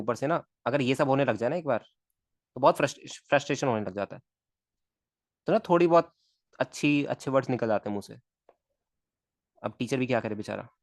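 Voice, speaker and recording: During a live online lesson, a male physics teacher talks casually and mutters to himself while sketching diagrams. His voice is medium in pitch, and the sound is dry and close with no room sound.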